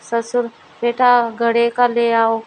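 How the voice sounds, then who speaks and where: A woman voicing a kindly, patient older father-in-law in a family storybook, speaking calmly. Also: a little high, slow, slight background noise, low-quality recording. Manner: calm, patient, gently commanding. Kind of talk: storybook dialogue reading.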